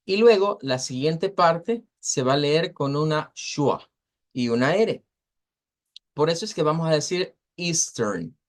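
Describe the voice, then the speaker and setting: A man teaching English pronunciation in Spanish in an online class, explaining patiently, repeating words slowly and using many fillers. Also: on the high side.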